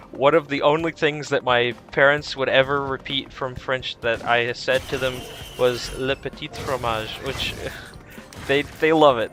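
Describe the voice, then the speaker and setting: A man's voice: mid-range voice, a bit bright. A young man streaming a video game, chatting in a rambling, easygoing way with lots of restarts. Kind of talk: casual chat while streaming a game.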